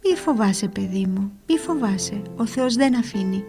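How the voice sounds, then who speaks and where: A woman voicing a simple, kindly old village woman, devout and gentle, with soft, reassuring speech. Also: fairly high pitch, animated, music in the background. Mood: soothing.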